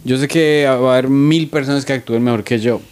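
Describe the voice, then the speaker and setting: A man's voice: medium pitch, steady tone, a little fast, a little mellow, clear, resonant tone. A man, a comedian guest talking frankly in a casual conversation and swearing now and then. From Colombia.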